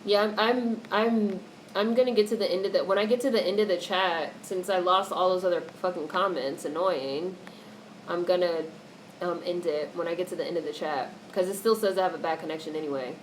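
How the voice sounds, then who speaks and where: Speaking briskly in a lowish voice, a female streamer reads out chat messages and responds with blunt opinions and plenty of swearing. The casual livestream audio is noisy, with background noise throughout.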